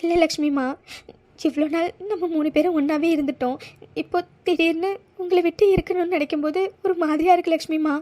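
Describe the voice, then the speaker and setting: A woman's voice: high voice, quick pace, close to an everyday voice. A woman voicing a young bride in a cartoon story, who stammers and gets flustered. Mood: tearful. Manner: stammering when caught out.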